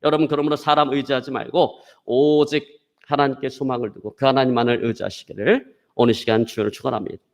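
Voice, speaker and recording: A man's voice: medium pitch, steady tone, fast. A man pastor preaching a sermon, often addressing the congregation, telling a story to make his point.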